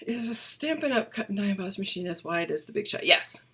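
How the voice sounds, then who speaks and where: A woman's voice: mid-range voice, expressive, brisk, fairly bright tone, breathy edge. A middle-aged woman chatting enthusiastically and ramblingly as she hosts a casual live craft tutorial, with a hollow, cave-like off-mic sound. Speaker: crafting host and demonstrator.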